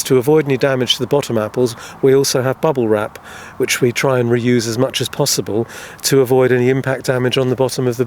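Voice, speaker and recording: A man talks steadily and patiently through how his farm works. His voice sits in a middle register, and faint outdoor noise hums underneath. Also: medium pitch. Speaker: organic apple grower. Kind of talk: radio news interview.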